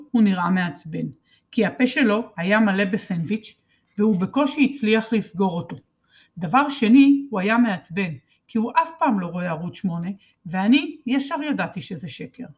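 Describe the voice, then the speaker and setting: A woman reads a first-person children's novel aloud. Her reading is lively and expressive, and her voice sits at a middle pitch for a woman. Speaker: storybook reader.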